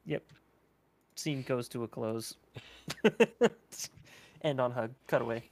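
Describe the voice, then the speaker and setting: A man's voice: medium pitch, slow, a little hiss or hum. A man playing a tabletop game over voice chat, casual and joking. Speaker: player.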